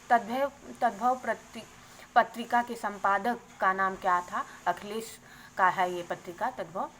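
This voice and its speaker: A woman teacher going briskly through exam questions and their answers, adding a quick "okay" after each answer. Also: mid-range voice, a bit bright, slight background noise, low-quality recording. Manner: brisk, adds "theek hai" after answers.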